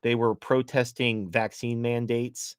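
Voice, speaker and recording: A man's voice: mid-range voice, little pitch movement, unhurried, clean tone, dry recording, clean studio sound. A man as a podcast guest, ranting bluntly in casual political chat, swearing often and restarting his sentences.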